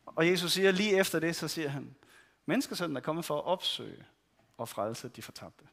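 A man's voice: a little high, expressive, creaky, a bit bright. A man giving a sermon, telling the stories in a conversational way and voicing the people in them. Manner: conversational storytelling with quoted voices. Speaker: preacher.

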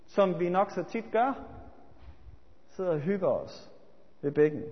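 A man with a high voice preaches a sermon, moving between loud, urgent appeals and quiet, reflective asides. The recording sounds dull, with long reverb trailing through a church hall. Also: animated.

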